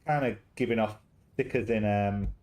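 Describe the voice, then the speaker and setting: A man's voice: lowish voice, steady tone, normal speed, a little mellow. Chatty man streaming a game. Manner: chatty, jokey, easily sidetracked. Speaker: streamer reading a visual novel aloud. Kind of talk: casual live-stream chat and game narration.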